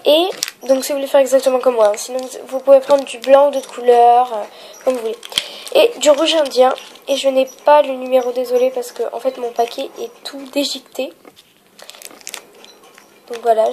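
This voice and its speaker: A young woman with a stuffy nose from a cold, explaining a craft tutorial at home with many fillers and soft, trailing phrases. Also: sits high, steady tone, normal speed, background noise. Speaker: polymer clay tutorial maker.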